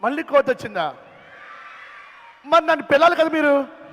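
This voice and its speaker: Very high-voiced man hosting a kids' skit. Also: normal speed. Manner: animated, calling out questions to children. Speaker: skit host at a children's camp. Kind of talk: playful skit with a young audience. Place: large hall at a children's camp. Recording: long hall reverb.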